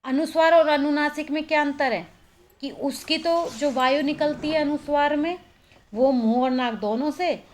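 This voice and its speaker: A woman teacher, her voice slightly high, explains grammar point by point in what sounds like a phone recording. She keeps checking in with quick questions that she answers herself, sprinkling in "है ना" frequently.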